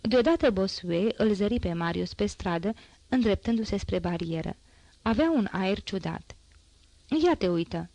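A woman reading a classic novel aloud in an even, measured narration. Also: medium pitch, gravelly, no echo, rough recording. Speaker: audiobook reader.

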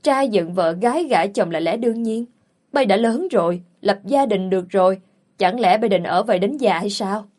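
Storybook aunt, middle-aged and stern, scolding; woman narrator voicing, husky. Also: mid-range voice, moderate pace, darkish tone, natural voice. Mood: insistent. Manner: scolding, insistent.

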